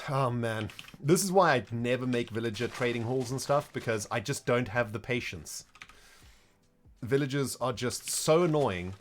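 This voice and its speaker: A man's voice: mid-range voice, slight background noise. A young man giving live gameplay commentary, mock-exasperated and scolding the characters in his game. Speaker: streamer.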